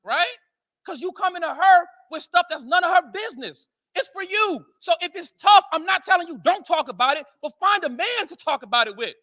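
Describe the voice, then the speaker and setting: A man's voice: very high voice, brisk. An American man giving a motivational speech at a men's conference, telling stories animatedly and often checking in with "right?". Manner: animated storyteller, keeps asking "right?". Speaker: conference speaker.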